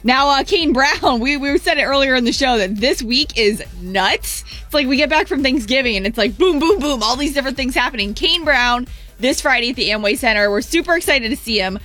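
A woman's voice: sits high, expressive, a little fast, pushed and bright, faint music behind. An American woman co-hosting a radio morning show, chatting and reading promos. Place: radio studio.

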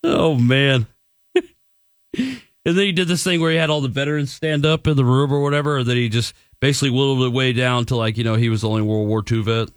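A man's voice: mid-range voice, fairly even intonation, quick pace, no echo, studio quality. A man co-hosting a radio show, telling a story and laughing as he talks. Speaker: radio co-host. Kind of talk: casual radio banter.

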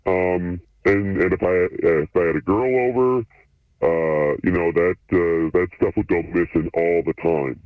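A man speaking through a voice changer that shifts his voice deep, chatting in a laid-back, hesitant way as an anonymous radio guest. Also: measured pace, no room sound. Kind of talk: casual chat. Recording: phone-like line through a voice changer.

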